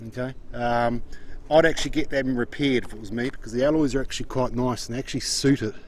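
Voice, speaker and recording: Out in an open car yard, a car auction agent gives an unscripted walk-around, plain-spoken and matter-of-fact, punctuating each point with an "okay." He talks fast in a medium-pitched, steady voice, with slight background noise.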